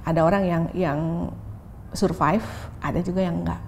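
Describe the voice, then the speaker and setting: A woman's voice: lowish voice, steady tone, moderate pace, creaky, darkish tone, a little hiss or hum. A woman, a pastor telling her own story openly in an interview, often dropping English phrases into her talk. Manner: open, reflective, switches into English phrases. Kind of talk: candid interview testimony.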